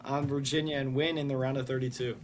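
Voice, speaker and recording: A man's voice: medium pitch, flat delivery, quick pace, a little hiss or hum. A young man co-hosting a casual sports podcast, picking upsets with a chuckle. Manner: contrarian, chuckling. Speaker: podcast co-host.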